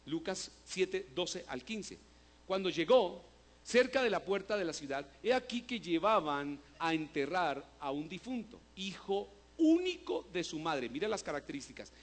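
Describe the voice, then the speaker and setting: A man preaching a sermon as pastor, emphatic, often asking "¿cierto?" and bursting into loud shouts of praise. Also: high voice, sing-song, a little slow.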